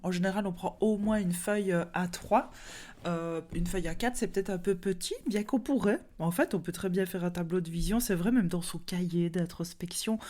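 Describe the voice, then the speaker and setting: A woman with a Belgian French accent, talking as a podcast host in a gentle, chatty way with many fillers. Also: fairly low pitch, a little fast. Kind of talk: casual solo podcast talk.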